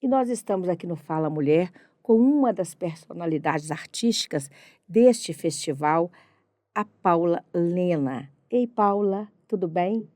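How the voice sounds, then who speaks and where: A woman's voice: on the low side, expressive, a little slow, warm tone, no room sound, clean studio sound. A middle-aged woman hosting a podcast, enthusiastic and affectionate as she introduces and questions her guest. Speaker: podcast host. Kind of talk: casual interview.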